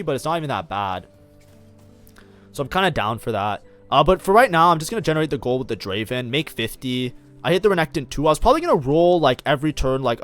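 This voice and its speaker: A man casually commenting on his own strategy game match as a streamer, talking in a loose, chatty way full of fillers. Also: mid-range voice. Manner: chatty, lots of fillers like "like, you know".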